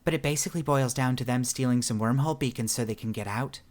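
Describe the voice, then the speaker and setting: A man's voice: mid-range voice, quick pace, a little mellow, close to an everyday voice. A male narrator voicing a guarded young woman who speaks dryly and firmly, in audiobook narration. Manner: dry and firm.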